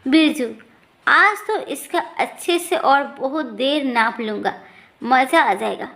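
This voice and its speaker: A woman's voice: high-pitched, takes it slowly, vocal fry, a bit bright, heavily acted. Woman voicing a sleazy wheedling male tailor. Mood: scheming. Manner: wheedling and defensive. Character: sleazy male village tailor, smooth-talking.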